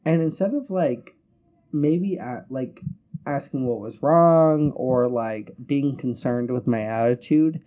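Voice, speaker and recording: Dark-voiced man telling a heated story. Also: mid-range voice, slow. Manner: recounts quotes with emphasis. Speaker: podcast host. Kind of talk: casual storytelling.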